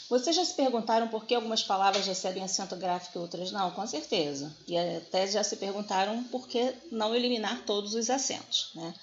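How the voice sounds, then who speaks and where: A woman's voice: mid-range voice, highs cut off. A woman teaching a grammar lesson, speaking directly to her students and stressing each example word.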